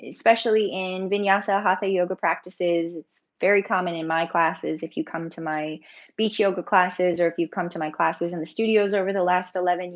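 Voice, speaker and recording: A woman's voice: fairly low pitch, lo-fi sound. A woman yoga teacher leading a live online breathing workshop, talking in a chatty, informal way and laughing often.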